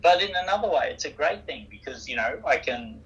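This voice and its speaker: A man's voice: medium pitch, expressive, fairly quick, a bit bright. An older Australian man, a musician guest, chatting casually over the phone in a rambling, self-deprecating way. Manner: rambling, self-deprecating, frequent restarts and fillers. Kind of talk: casual interview chat. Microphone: phone call. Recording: phone-line interview.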